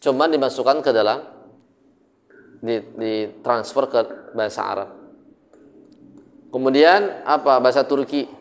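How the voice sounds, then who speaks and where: A man's voice: mid-range voice, a little slow, long pauses. A man with an Indonesian accent teaching Arabic grammar in a casual classroom lesson, joking and often asking his students questions.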